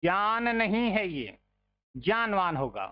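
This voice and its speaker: A man's voice: sits high, very animated, unhurried, lo-fi sound. A man teaching an online grammar lesson, patiently repeating words to drill their pronunciation and calling his listeners friends.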